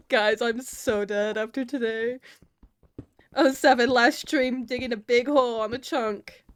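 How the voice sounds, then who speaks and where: एक दक्षिणी अमेरिकी लहजे वाली महिला, थोड़ी ऊँची आवाज़ में, लाइवस्ट्रीम पर मज़ाकिया अंदाज़ में बातें करती और बार-बार हँसती हुई।. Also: female voice, a little high, expressive, slow pace, long pauses, dry recording. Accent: Southern US. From Southern United States. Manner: playful, laughs often, stumbles over words. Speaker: streamer. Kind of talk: casual livestream chat.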